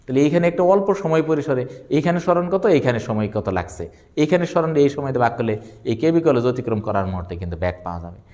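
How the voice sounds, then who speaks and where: Man, physics lecture, very animated pitch, asks and answers his own questions, long echoey reverb. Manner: repeats key terms slowly. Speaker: physics teacher. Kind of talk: classroom lecture.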